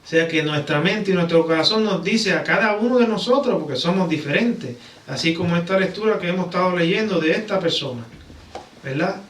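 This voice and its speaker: In a church sanctuary, a man from Puerto Rico delivers a conversational sermon in a high-pitched, brisk, fairly bright voice. He keeps seeking agreement through rhetorical tag questions, and the audio is roomy and distant, with background noise.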